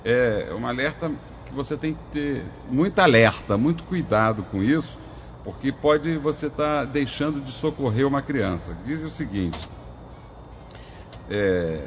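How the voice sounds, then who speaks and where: A man's voice: medium pitch, lively intonation, measured pace, a little hiss or hum. An older man, a former judge hosting a legal talk show, who gives earnest warnings and advice. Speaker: host and former juvenile court judge.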